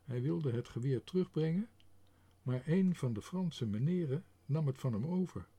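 A man reading a children's story aloud, expressive and unhurried. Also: a little high, breathy edge.

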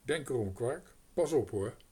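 A man's voice: medium pitch, measured pace, vocal fry, breathy edge, full character voice. A man voicing a spirited, protective young girl in a storybook reading. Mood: lively. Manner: lively, protective.

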